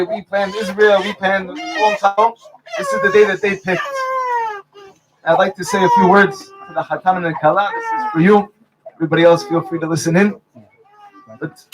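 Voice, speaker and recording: A man's voice: high-pitched, low-quality recording. A man officiating a wedding, speaking under a chuppah and telling stories and jokes between Hebrew blessings. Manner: warm storytelling with Hebrew blessings.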